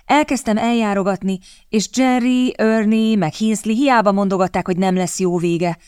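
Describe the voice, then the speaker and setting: A woman's voice: mid-range voice, fairly even intonation, darkish tone, clean tone, no echo, studio quality, pitched above the performer's own voice, close to an everyday voice. A woman voicing a sheepish young brother. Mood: rueful. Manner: rueful, gloomy confession.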